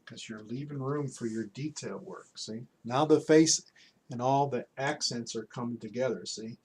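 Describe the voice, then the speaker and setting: A man teaching a drawing lesson, relaxed and instructive, talking as he works and pointing out each line. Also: mid-range voice, moderate pace. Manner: relaxed, instructive, talks while working with frequent pointing words. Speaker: art instructor. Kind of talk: drawing tutorial walkthrough.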